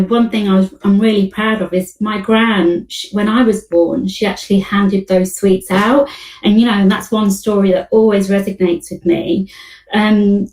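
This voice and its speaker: A woman's voice: mid-range voice, dark tone, recorded from a distance. Casting: woman, 40s, panel guest, set back from the mic in an echoey room. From United Kingdom. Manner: conversational, leans on "you know". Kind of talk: casual online panel talk.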